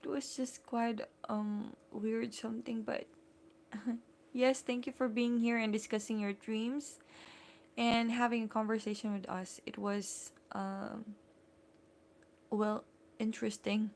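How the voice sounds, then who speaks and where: Host, Filipino accent, woman; slightly high, gravelly voice, casual and filler-heavy chat. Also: flat delivery, slow, darkish tone. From Philippines. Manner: chatty, greets and thanks viewers by name, many fillers. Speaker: vlogger hosting a live stream. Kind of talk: casual live-stream chat.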